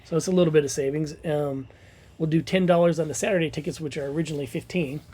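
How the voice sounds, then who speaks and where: A man's voice: fairly high pitch, fairly even intonation, fast talker, dark tone. A man from Missouri co-hosting a casual podcast chat, plugging his convention in a rambling way, full of ums. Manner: rambling, filler-heavy promotional talk. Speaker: convention organizer and podcast co-host.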